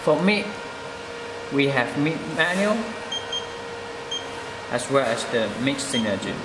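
Guy doing a slow, careful product demo, leans on key words, roomy echo with ac hum behind. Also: mid-range voice, very animated. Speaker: product demonstrator. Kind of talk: product demonstration voice-over.

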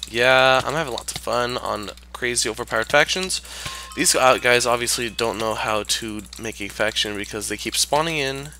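A man's voice: fairly low pitch, pushed and bright, clear, resonant tone. A man hosting a gaming channel who sounds slightly sick, rambling casually and muttering to himself as he plays. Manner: rambling, talks to himself while playing. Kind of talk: casual gameplay commentary.

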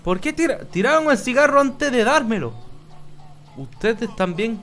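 A man's voice: very high-pitched, animated, normal speed, a bit bright. A man voicing a stoned, rambling drug-addict character who swears a lot, as comic commentary over gameplay. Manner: rambling, swearing, keeps calling people "my brother". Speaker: gaming YouTuber in character.

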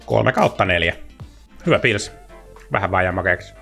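A man's voice: low-pitched, expressive, gravelly, fairly bright tone, soft background music. A man giving a casual, chatty beer-tasting review, thinking aloud between sips.

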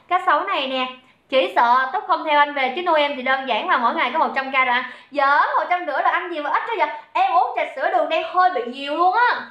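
A woman's voice: high-pitched, sharp tone. A young woman selling on a livestream, chatty and teasing as she reads out viewer comments. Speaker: livestream seller. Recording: echoey room, dull lo-fi sound.

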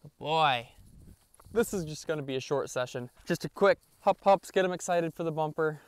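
A man's voice: fairly high pitch, fairly quick, darkish tone, clear, resonant tone, no echo. A young man vlogging outdoors in a park as he trains his puppy, switching between casual talk to viewers and upbeat praise and commands for the dog.

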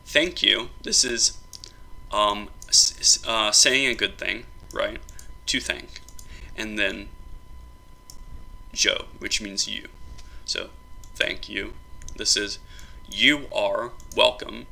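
Man, low-ish gravelly voice, halting casual explanation, self-correcting. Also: pushed and bright. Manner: halting, many ums and uhs, self-correcting. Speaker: conlang creator explaining his language.

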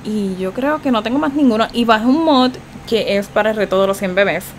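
Woman, gaming host, chatty running commentary with lively reactions, mid-range voice, faint hiss behind. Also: medium pitch, brisk. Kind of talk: casual gameplay commentary.

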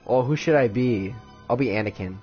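A man giving casual gameplay commentary, excitable and giggly, often exclaiming at the screen. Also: medium pitch, brisk. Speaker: gamer streaming gameplay. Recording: dull lo-fi mic with game music.

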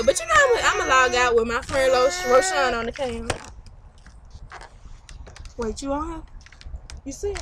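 A young woman vlogging a call with a friend, talking loudly in slangy, teasing casual chat and laughing often. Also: on the high side. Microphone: computer webcam mic. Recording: noisy home webcam recording.

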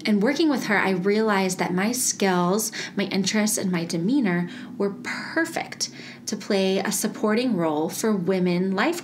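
A woman's voice: medium pitch, a little hiss or hum. A woman hosting her own podcast in a bubbly, chatty way, laughing often as she talks to listeners. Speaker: podcast host. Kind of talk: casual solo podcast.

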